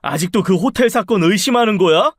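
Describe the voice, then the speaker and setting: Man doing a flustered husband, defensive and pleading, high voice, dry. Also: lively intonation, a little fast, husky, no echo. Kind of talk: audiobook drama reading.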